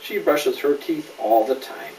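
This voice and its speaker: The highish, expressive voice of a father, unhurried with a darkish tone, reads a story to a child and drifts into casual asides to explain patiently and ask questions. Faint background noise and a roomy, distant mic shape the sound.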